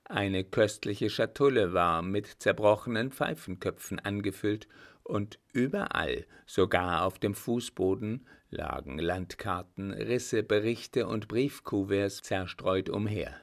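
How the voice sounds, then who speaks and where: Slow, gravelly male narrator. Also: lowish voice. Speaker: audiobook reader. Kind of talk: scripted narration.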